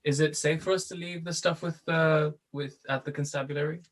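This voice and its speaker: A man's voice: a little high, fairly even intonation, fairly quick. A man playing in a tabletop game, asking practical questions in casual table talk. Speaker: player.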